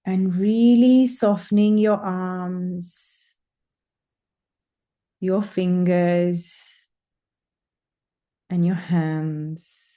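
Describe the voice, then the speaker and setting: Long pauses punctuate this woman's breathing meditation, which she delivers in slow, gentle, elongated phrases. Her voice is mellow and sits a bit low.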